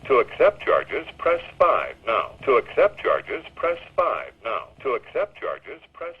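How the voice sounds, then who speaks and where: A man's recorded operator voice on a prison payphone call, reading slow, repeated instructions. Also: medium pitch, huge pitch swings, slightly rough. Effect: payphone call over a prison phone line. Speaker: automated collect-call operator. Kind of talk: recorded phone prompt. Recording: muffled, noisy phone line.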